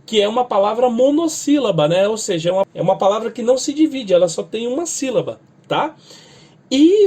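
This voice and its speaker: Brazilian guy teaching music theory, high voice that bounces all over, keeps asking "tá?". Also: dark tone. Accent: Brazilian Portuguese. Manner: explains step by step, adds "tá?" and "né?" after nearly every phrase; sings or spells out lyrics slowly to show stress. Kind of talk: spoken music lesson.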